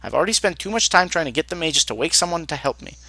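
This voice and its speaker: Guy doing a worn-out alien cook from a game, whiny and formal, sounds kinda bright. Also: on the high side, animated, racing, dry recording. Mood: weary. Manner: tired, complaining, formal stilted speech. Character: weary overworked male Vahnatai cook.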